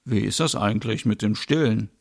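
A man's voice: fairly low pitch, fairly quick, vocal fry. A man doing a mumbling young guy. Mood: grumbling. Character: young man, fretful and teasing.

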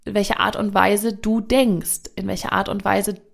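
A woman talks through a self-help podcast episode in a frank, reflective way, with a vocal fry under her mid-range voice. She speaks loosely and personally, letting a casual swear slip in now and then. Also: medium pitch, little pitch movement, normal speed. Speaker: podcast host.

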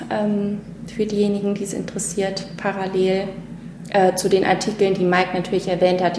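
A woman's voice: medium pitch, darkish tone. Woman with hesitant talk in an echoey room. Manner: hesitant, many fillers. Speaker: podcast guest, editor. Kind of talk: casual podcast talk. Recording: roomy with faint noise.

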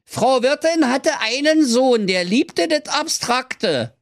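A man voicing a greedy chubby boy in a whiny, drawn-out high voice. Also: animated, exaggerated voice.

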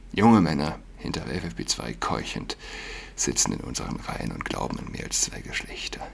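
A man delivering an agitated, indignant monologue, dropping to hushed whispers and rising to loud outbursts. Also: low voice, creaky, husky. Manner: ranting, indignant.

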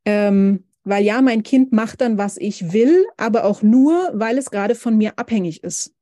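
A woman in her thirties, a family counselor, talking in a casual podcast conversation, thoughtful and halting with many restarts. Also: medium pitch, warm tone, no echo, clean studio sound.

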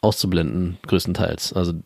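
A man in his thirties co-hosting a casual podcast, speaking dry and matter-of-fact, often trailing off into a low mutter. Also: steady tone, brisk, vocal fry, no room sound. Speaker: podcast co-host.

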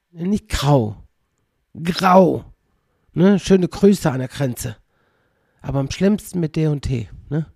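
Gravelly man rambling wryly. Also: medium pitch, dark tone, no room sound, studio quality. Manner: rambling and wry, mimicking pronunciations. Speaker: podcast host. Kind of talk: casual monologue.

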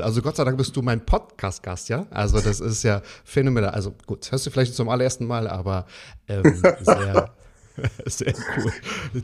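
A man's voice: on the low side, darkish tone. A man hosting a podcast interview in a chatty, enthusiastic, casual way.

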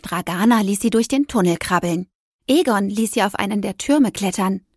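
A woman's voice: medium pitch, moderate pace, slightly rough, no room sound, clean studio sound. Woman narrating a children's story. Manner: gentle, lively storytelling.

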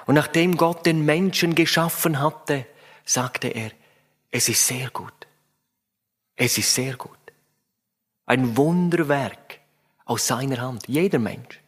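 A man preaching a sermon in an emphatic way, addressing his listeners directly. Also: a little high.

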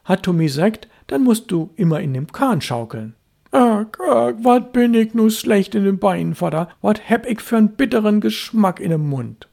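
A man voicing a young fisherman's boy, seasick but eager, who speaks in a Low German dialect. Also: lively intonation, moderate pace, vocal fry, warm tone, heavily acted. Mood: plucky.

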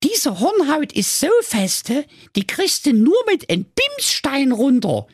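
A shrill Saxon princess. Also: female voice, wildly swooping pitch, slow pace, dry recording, clean studio sound, exaggerated voice. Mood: whiny. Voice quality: very high shrill squeal. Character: shrill whiny young princess, snippy.

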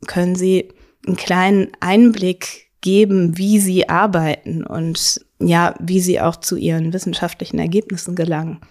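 Woman interviewer, lowish voice, asks longish questions. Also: level tone, normal speed, darkish tone.

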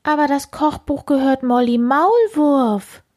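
A woman's voice: a little high, animated, unhurried, warm tone, breathy edge, voice pushed up, full character voice. A woman voicing a small, kind and caring strawberry fairy in a storybook reading, speaking up in a raised, eager voice.

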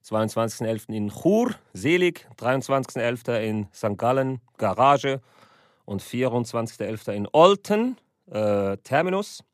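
A man's voice: medium pitch, sing-song, unhurried, no echo. Guy hosting a comedy podcast, laughs a lot, super dry close mic. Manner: laughs often, loose and chatty. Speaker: podcast host. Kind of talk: casual podcast chat. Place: indoor studio room.

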